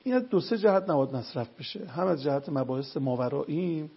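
A man with a very raspy, gravelly voice gives household advice and keeps asking the listener questions. His pitch sits a little high. The recording sounds dull and lo-fi. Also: lively intonation. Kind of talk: religious and practical advice talk.

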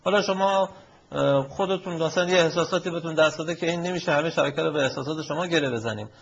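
A man hosting a talk show, moderating a caller in a measured, firm and polite way. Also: on the high side, husky, muffled recording. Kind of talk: studio moderation.

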